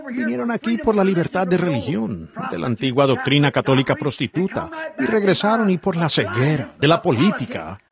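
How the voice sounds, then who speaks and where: A man with a fairly high voice gives a sermon in simultaneous interpretation, swinging his pitch up and down as he preaches with emphasis. He keeps asking the listeners rhetorical questions. A congregation is clearly heard behind him. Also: very animated, fairly quick, crowd noise.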